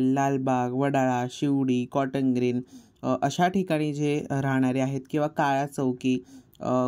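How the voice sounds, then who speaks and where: A man's voice: mid-range voice, warm tone. Casting note: man, casual home vlogger, chatty and easygoing, indoors at home. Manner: chatty, coaxing a child with repeated questions. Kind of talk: casual home vlog chat. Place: home family birthday gathering, indoors.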